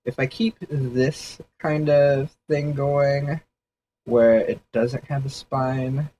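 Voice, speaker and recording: Man, livestream thinking aloud, rambling, hedging, mid-pitched voice, faint noise behind. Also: darkish tone, low-quality recording. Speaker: 3D artist streaming a sketch session.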